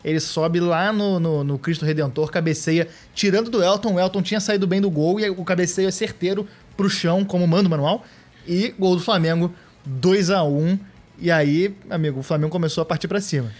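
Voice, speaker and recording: A man's voice: sits high, fairly quick, a little mellow. A Brazilian man hosting a casual podcast, recapping an old football match with joking, sarcastic asides. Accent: Brazilian Portuguese.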